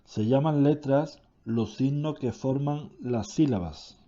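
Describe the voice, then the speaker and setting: Slow, dark-voiced man reading a lesson. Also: medium pitch, dull audio. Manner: slow, deliberate reading with self-corrections. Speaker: teacher reading a grammar lesson. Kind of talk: reading a grammar lesson aloud.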